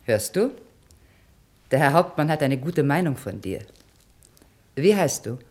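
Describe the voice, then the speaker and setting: Condescending imperial princess. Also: female voice, low-pitched, big pitch swings, darkish tone. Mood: gracious. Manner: condescending, brisk courtly tone. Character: gracious imperial princess visiting wounded soldiers. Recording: noisy 1960s radio play, voice heard from afar.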